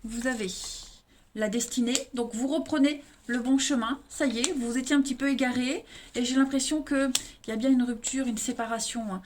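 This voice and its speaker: Lady w/ eastern french accent doing a tarot reading, pretty high voice, keeps going "hein" at viewers. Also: fairly even intonation, a little fast, darkish tone, a little hiss or hum. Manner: addresses viewers directly, frequent tag "hein". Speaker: tarot reader. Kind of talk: monthly tarot card reading.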